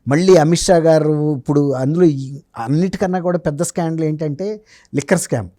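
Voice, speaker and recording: A journalist appears as an interview guest, offering political analysis in a conversational way. His slightly high, very mellow voice is captured close-up and dry with no echo, and he talks briskly, driving his points home with emphasis and frequent rhetorical questions.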